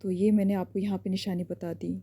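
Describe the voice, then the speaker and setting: A woman teaching an online lesson, explaining step by step and checking in often with a quick "okay". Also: medium pitch, level tone, dark tone, breathy edge.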